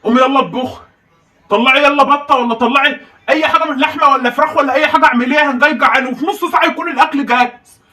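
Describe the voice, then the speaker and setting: A woman voicing a hungry, hot-tempered working husband in a comedy sketch, with an Egyptian accent, ranting and shouting complaints. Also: high voice, very fast, recorded from a distance, pitched below the performer's own voice. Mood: demanding.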